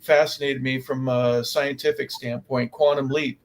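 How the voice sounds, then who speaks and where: A man's voice: medium pitch, level tone, normal speed, a little hiss or hum, low-quality recording. A man hosting a sports talk radio show, eagerly listing a guest's credits and asking questions. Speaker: host. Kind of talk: radio interview.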